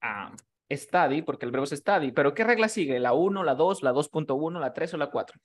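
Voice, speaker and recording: A man's voice: a little high, expressive, a little fast. A man teaching a class, explaining rules patiently and often checking that his student has understood. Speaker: English teacher.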